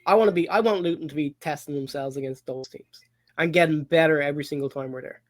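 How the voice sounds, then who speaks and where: A man with an Irish accent co-hosting a casual football podcast, excitable, swearing and laughing often. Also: a little high, fast talker. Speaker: podcast co-host.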